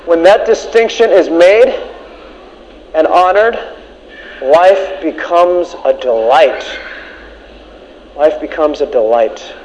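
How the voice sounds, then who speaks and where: A male preacher delivers a sermon, driving his points home by repeating them. His voice sits fairly high, and the recording is dull and lo-fi. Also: slow pace, pauses often, a little mellow, a little hiss or hum. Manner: emphatic, repeats key lines.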